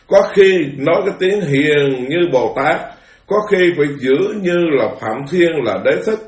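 A man delivering a Buddhist sermon, moving between quiet asides and forceful outbursts. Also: mid-range voice, echoey room. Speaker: Buddhist monk teacher.

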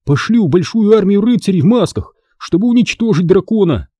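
A man voicing a determined, excitable young boy who shouts his plans in a storybook reading. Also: high-pitched, moderate pace, slightly rough, dry recording, clean studio sound, voice pushed up, heavily acted. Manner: shouting, eager.

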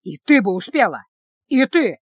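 A hot-headed village man hurls loud accusations, as a woman reader plays him. His voice is lively in pitch, and the recording sounds close and dry. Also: normal speed, husky, dry recording. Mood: angry, yelling. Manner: yelling, accusing.

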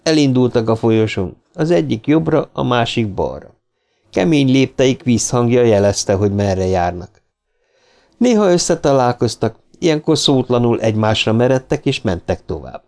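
A man narrating a science fiction audiobook in a measured storytelling manner. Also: mid-range voice, very animated, darkish tone. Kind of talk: scripted narration.

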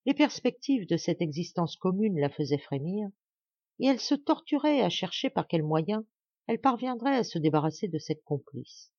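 A woman narrating a classic novel in a lower, mellow voice whose melody moves a lot. Her delivery is measured and expressive. The recording is dry and somewhat dull, like a home setup. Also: dry recording. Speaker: audiobook reader.

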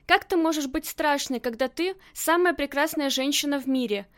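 A loving husband in an audiobook, tender with his wife and blunt with everyone else, as a woman reads him. The voice sits high and light. He barks short orders. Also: moderate pace, fairly bright tone. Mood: insistent. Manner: tender, then gruff and commanding. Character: adoring husband, gangland boss's man.

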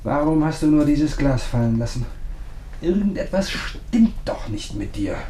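An actor playing a controlling husband who coaxes and threatens in a mock-affectionate way, in a classic radio drama. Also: male voice, fairly high pitch, sing-song, a little slow, mellow, a little hiss or hum. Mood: menacing. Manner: coaxing turning to cold threat, mock-affectionate. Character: controlling, menacing husband, sweetly sinister. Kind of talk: 1950s-style radio drama acting.

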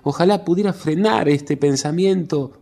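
A man's voice: a little high, moderate pace, vocal fry, dark tone, voice pushed up. A man voicing an anxious young woman on a train, musing in spiraling, worried thoughts.

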